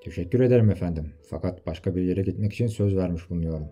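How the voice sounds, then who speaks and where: A man's voice: deep voice, rapid-fire, warm tone, slightly rough, faint music behind. A man voicing a proud, self-assured young knight who refuses help. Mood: defiant.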